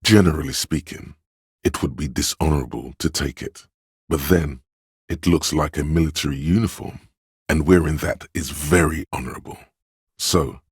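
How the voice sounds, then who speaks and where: Solemn in mood, an exaggerated male voice acts as a commanding inner authority for a video game. His pitch is extremely deep and very smooth, his delivery haughty, pompous and measured like a stern narrator demanding obedience, recorded close and dry.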